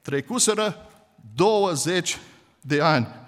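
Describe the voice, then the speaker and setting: Guy preaching a sermon, fairly high voice, tells the story with lots of emphasis, long echo in the church. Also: animated. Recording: reverberant hall.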